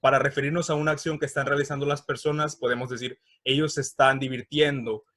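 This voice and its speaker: A man teaching an English grammar lesson from slides, explaining patiently, checking in often, and repeating words slowly for pronunciation. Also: mid-range voice, little pitch movement, fairly bright tone, no room sound.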